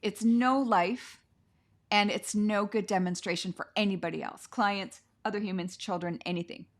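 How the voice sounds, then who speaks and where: A Canadian woman podcast host conducts a warm, conversational interview over a video call while sitting on the floor at home, gushing effusively, laughing, and saying "like" a lot. Her mid-range voice moves a little fast with fairly even intonation.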